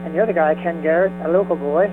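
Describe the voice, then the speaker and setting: A man's voice: on the high side, steady tone, noisy background. Man talking over a tinny phone line. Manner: friendly, unhurried, lists things off with fillers. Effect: heard over the phone. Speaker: folk music society representative, radio guest. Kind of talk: casual radio interview. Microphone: telephone.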